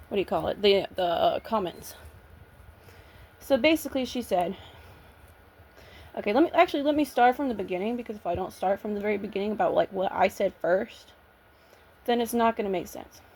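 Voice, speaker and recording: A woman's voice: medium pitch, gravelly, slight background noise. A woman vlogging in a casual, blunt rant, swearing freely and sounding nervous and shaky. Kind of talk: casual ranting vlog.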